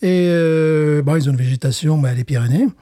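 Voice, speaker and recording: Mellow-voiced man chatting casually. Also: fairly high pitch, normal speed, no echo, studio quality. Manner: rambling, repeats words while searching for them. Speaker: podcast co-host. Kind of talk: casual chat.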